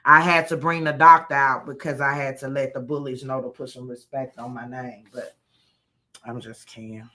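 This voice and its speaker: Bright, forceful woman. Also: extremely low pitch, fairly even intonation, normal speed, slight background noise. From Louisiana, USA. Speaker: host, mental health professional. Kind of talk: live advice talk.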